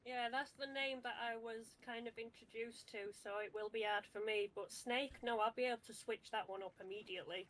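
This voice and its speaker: Higher-voiced woman chatting casually. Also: fairly even intonation, brisk, hardly any pauses, fairly bright tone. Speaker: streamer's partner. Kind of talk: casual stream chat.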